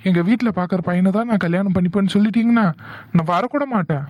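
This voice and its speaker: A man voicing a hot-headed young man in a cartoon, insistent and quick to anger, then soothing his sweetheart. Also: sits high, no room sound, highs cut off, close to an everyday voice. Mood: angry. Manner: insistent, shifts from angry to soothing. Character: hot-tempered young man in love, teasing. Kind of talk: cartoon voice acting.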